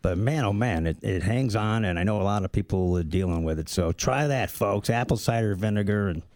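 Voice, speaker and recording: A man with a fairly low voice co-hosts a radio talk show, chatting in an easygoing way and repeating himself now and then. He is getting over a cold. The studio sound is dry and close. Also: brisk, a little mellow, dry recording. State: recovering from a cold. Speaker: radio co-host and announcer. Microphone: studio microphone.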